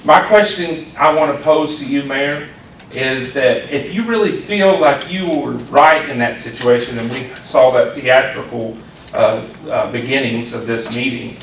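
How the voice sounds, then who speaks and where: A police chief confronting an official at a city council meeting, firm and direct, sometimes reading policy text aloud. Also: male voice, mid-range voice, a little slow, fairly bright tone. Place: council chamber. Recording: echoey hall, distant, faint noise.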